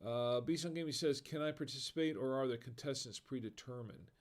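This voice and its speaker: A man's voice: mid-range voice, fairly quick. American man laughing at his own dad jokes. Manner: reads chat comments aloud. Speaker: livestream host. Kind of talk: casual live-stream chat.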